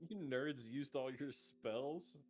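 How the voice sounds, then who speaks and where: A man's voice: medium pitch, slow, darkish tone, soft background music. Wisecracking male tabletop player. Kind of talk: casual chat at a tabletop game.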